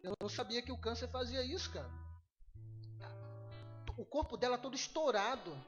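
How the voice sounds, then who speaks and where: A male preacher tells a story in a theatrical, storytelling manner, acting out each voice. His voice rings through a large echoing hall, the sound slightly dull, with soft guitar playing underneath. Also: very high voice, expressive, moderate pace. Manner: theatrical, acts out dialogue. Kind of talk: storytelling sermon. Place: church event hall.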